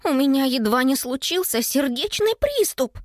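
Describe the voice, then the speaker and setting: A woman's voice: on the high side, fairly quick, no echo, clean studio sound, lightly acted. A woman voicing a timid young girl who talks nervously in an audiobook story. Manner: shaky, nervous. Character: timid girl Anna, easily frightened.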